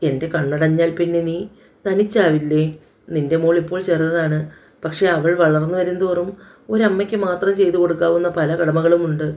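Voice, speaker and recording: An anxious, loving older mother in her sixties from an audio storybook, voiced by a woman narrator. She pleads gently and in a motherly way, with a mellow, dark-toned voice. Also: on the low side, fairly even intonation, moderate pace, lightly acted. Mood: worried.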